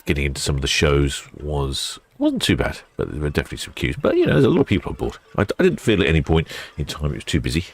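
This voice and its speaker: A man's voice: extremely low pitch, huge pitch swings, fast, gravelly, few pauses, husky. A man hosting a livestream with casual, chatty ship-spotting commentary, musing aloud as he goes. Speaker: livestream host.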